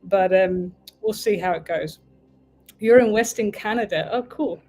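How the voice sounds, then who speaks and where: A tarot reader from the United Kingdom with an English accent hosts a casual livestream, chatting in a meandering way and breaking off to fix her stream. Her voice is medium-pitched, a little mellow, and measured in pace.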